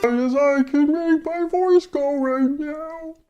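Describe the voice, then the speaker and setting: A woman whose voice has been made deep by breathing a heavy gas, playfully showing how low it can go in a casual science video. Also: steady tone, takes it slowly, mellow, dull audio, faint music behind. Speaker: video creator.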